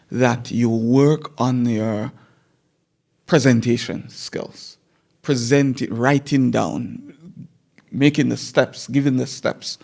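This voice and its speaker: His medium-pitched voice is gravelly and a little mellow. A Jamaican-accented teacher in his forties, he is a guest in a conversational interview, recalling his education through measured storytelling and often repeating words as memories come back.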